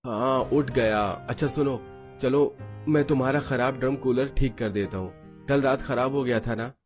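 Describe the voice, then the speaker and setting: A man's voice: medium pitch, normal speed, soft background music, natural voice. A man voicing a young husband who grumbles about the heat. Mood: grumbling.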